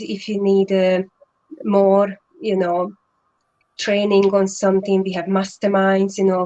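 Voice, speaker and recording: This guest on a relaxed live stream is an online business partner, a woman from Hungary whose first language is Hungarian. Her medium-pitched, darkish voice comes through a rough recording, and she talks in an earnest, halting way full of fillers and restarts.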